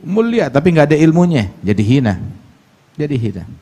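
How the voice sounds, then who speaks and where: A man preaching a sermon. He talks emphatically, leaps up in pitch to mock, and slows right down to recite Arabic sayings. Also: very animated, mellow. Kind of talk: religious sermon.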